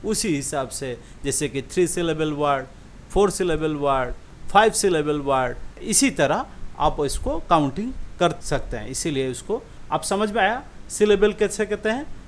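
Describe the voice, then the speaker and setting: A man teaching an English lesson, sounding out example words slowly and often asking the listener if it is clear. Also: on the high side, expressive, slight background noise. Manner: repeats example words slowly, checks understanding with questions. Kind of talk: classroom-style lesson explaining syllables.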